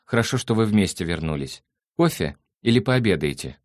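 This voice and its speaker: A man's voice: on the low side, animated, a little fast, no echo, studio quality, voice pushed up, close to an everyday voice. A man voicing a confident, friendly middle-aged housekeeper who speaks cheerfully and plainly. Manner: cheerful and matter-of-fact.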